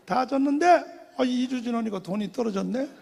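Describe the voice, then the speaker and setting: An older man preaching a testimony with a high, gravelly voice. It sounds husky and a little breathy, and the long reverb of a big hall trails after his words. He tells the story with animation and acts out the people he quotes. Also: fairly quick, a little mellow. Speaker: pastor giving testimony. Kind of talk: testimony sermon.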